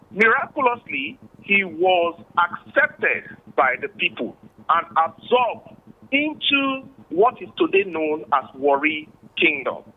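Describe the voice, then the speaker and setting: A man with a Nigerian accent, a traditional chief, speaking formally in a remote interview over a bad, tinny connection. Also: high-pitched. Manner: formal, measured, explanatory. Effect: bad remote connection, tinny phone-like line. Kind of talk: remote interview, historical explanation. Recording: tinny phone-like call line.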